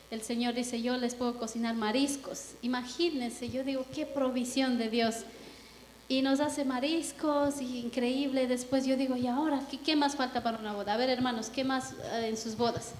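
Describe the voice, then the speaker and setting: A young woman from Ecuador giving a lively testimony to a church congregation, telling her story with acted-out quotes. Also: high-pitched, normal speed, slight background noise. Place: church hall. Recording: echoey hall with long reverb.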